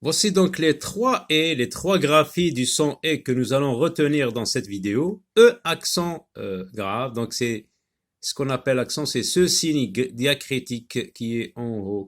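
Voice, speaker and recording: A man leads a phonics lesson for young children. He speaks at a very slow, careful pace and repeats each word several times. His voice sits in an ordinary middle register. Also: mid-range voice. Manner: slow, deliberate, repeats words for pupils. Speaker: teacher.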